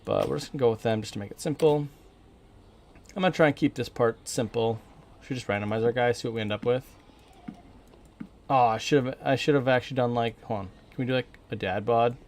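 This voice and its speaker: A man's voice: mid-range voice, a little fast, long pauses, darkish tone. American man casually commentating a game stream. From northern Minnesota, USA. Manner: rambling, informal, thinking aloud.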